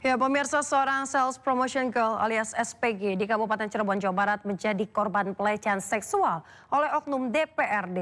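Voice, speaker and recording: A woman's voice: a little high, fairly quick, hardly any pauses, a bit bright, slight background noise. A woman anchoring a television news bulletin, reading formally and addressing the viewers directly.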